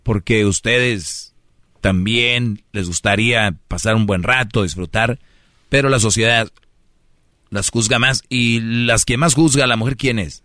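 Host de radio mexicano, descarado y bromista, voz brillante, seco en micro de estudio. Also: male voice, mid-range voice, a little slow, sharp tone, dry recording, clean studio sound. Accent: Mexican Spanish. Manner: brash, slangy, teasing. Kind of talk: call-in radio advice show. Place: radio studio.

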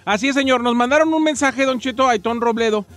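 A man's voice: extremely high pitch, fast talker, fairly bright tone, faint music behind. A man, co-hosting a radio show and chatting through an anecdote. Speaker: radio co-host.

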